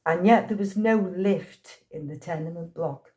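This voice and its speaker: The woman's voice is on the low side and warm, delivered at a measured pace. An actress in her sixties from Liverpool, England, she uses a Liverpool accent as she chats in a casual interview, telling stories and laughing often.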